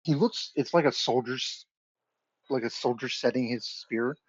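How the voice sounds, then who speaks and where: A man narrating as game master of a tabletop game, relaxed and hesitant with fillers, over dull lo-fi online audio. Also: mid-range voice, a little slow, slightly rough, no room sound.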